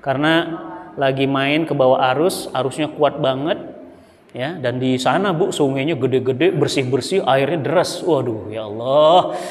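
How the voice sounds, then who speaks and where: A man with a Sundanese accent preaching a mosque sermon, animated and emphatic, often turning to address the women listening. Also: medium pitch, moderate pace. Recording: long mosque hall reverb.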